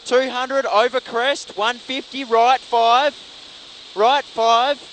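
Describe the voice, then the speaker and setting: Rally co-driver, male, high urgent voice, clipped repetitive rapid pace notes, over clear engine and road noise. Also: fairly even intonation, a bit bright, low-quality recording. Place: inside a moving rally car. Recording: in-car recording with clear vehicle noise.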